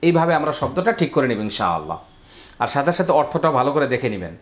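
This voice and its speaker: A man teaching Quran reading step by step. He spells out letters and vowel marks, then recites the words in long drawn-out chanting, and speaks directly to viewers following along. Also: medium pitch, big pitch swings, roomy sound. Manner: addresses viewers directly, asks them to repeat along.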